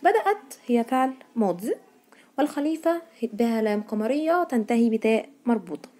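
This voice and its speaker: A woman's voice: fairly high pitch, animated, fairly quick, mellow. A woman teaching a primary school grammar lesson in Egyptian Arabic. She stresses each new word and answers her own questions to the pupils. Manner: asks pupils questions and answers them herself.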